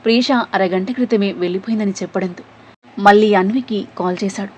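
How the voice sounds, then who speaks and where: A woman's voice: medium pitch, brisk, darkish tone, muffled recording. A woman narrating a serialized family drama story, reading the characters' lines herself.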